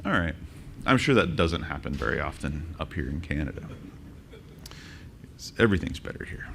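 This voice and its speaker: A man presenting a conference workshop, joking and quizzing the audience with quick questions. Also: medium pitch, gravelly, a little hiss or hum. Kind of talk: interactive conference talk. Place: conference session room.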